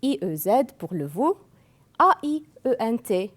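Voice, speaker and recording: A woman whose first language is Arabic, teaching French grammar slowly, spelling out verb endings and repeating each form. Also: a little high, very animated. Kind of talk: classroom grammar lesson.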